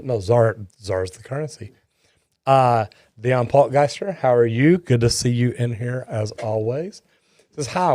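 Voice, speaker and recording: A man hosts a casual live plumbing Q&A. His voice is dark and mellow, close on a dry mic with no room sound. He talks in a folksy, rambling way and stumbles over repeated words. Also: mid-range voice, no room sound. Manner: folksy storytelling, repeats words when excited. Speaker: plumber and live show host.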